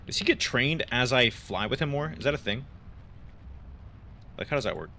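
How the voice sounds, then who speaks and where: A man's voice: mid-range voice, animated, moderate pace, bright, forceful tone, slight background noise. A young man narrating his gameplay in a casual, rambling way, joking to himself and quoting memes. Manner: rambling, joking self-talk with meme quotes. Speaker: gaming video creator.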